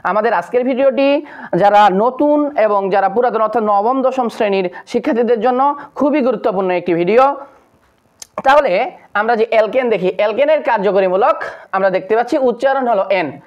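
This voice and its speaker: This chemistry lesson for secondary students features a teacher with a mid-range voice steadily drilling long lists of compound names. The teacher addresses viewers as friends and pauses often on fillers, captured in a dull, lo-fi recording.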